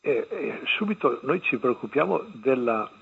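A man's voice: medium pitch, expressive, normal speed, vocal fry, husky. A man speaking as a radio host, giving hesitant, rambling spiritual commentary full of fillers. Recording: tinny phone-line sound.

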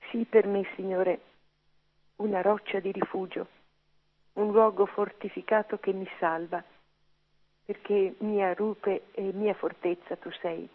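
A woman reads a psalm aloud, slow and measured. Her voice comes through a thin, tinny radio signal, a little off mic. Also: mid-range voice, little pitch movement. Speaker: psalm reader.

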